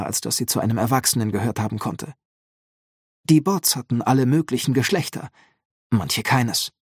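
A man narrating an audiobook in a calm, measured storytelling manner. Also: mid-range voice, slightly rough, no room sound, clean studio sound. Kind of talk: scripted narration.

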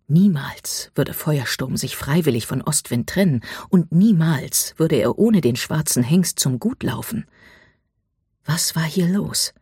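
An audiobook narrator reading a dramatic story, dropping to a hush at tense moments. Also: mid-range voice, slightly rough, no room sound, studio quality.

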